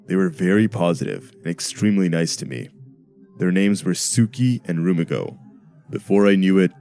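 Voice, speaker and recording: A man narrating a first-person horror story in a steady storytelling manner. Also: deep voice. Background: soft background music.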